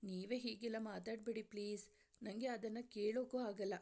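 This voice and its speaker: A woman's voice: mid-range voice, fairly even intonation, fairly quick, gravelly, warm tone, lightly acted. A woman voicing an anxious, devoted young wife in a storybook, pleading with tearful worry. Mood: worried.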